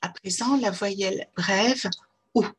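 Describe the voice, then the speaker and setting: A woman's voice: mid-range voice, normal speed, creaky, a bit bright, slightly rough. A woman pronunciation teacher, speaking in a patient, carefully articulated way as she repeats model words. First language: French.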